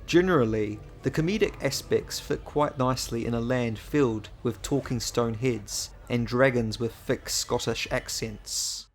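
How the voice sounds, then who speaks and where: A man giving a measured, enthusiastic scripted narration for a video essay. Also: medium pitch. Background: faint music.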